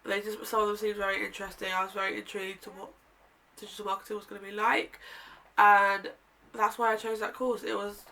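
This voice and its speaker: Fast-talking and level in tone, a British woman in her twenties rambles through a sit-down vlog, chatty and prone to self-correction. Her mid-range voice comes across as pushed and bright, though nasal and congested. A distant microphone leaves faint ambience from the room audible.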